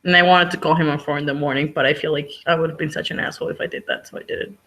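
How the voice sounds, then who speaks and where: Woman host, book chat, bright voice, rambling, casual, video call. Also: deep voice, steady tone, very fast. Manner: chatty, rambling, says "like" a lot. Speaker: host of a live book discussion.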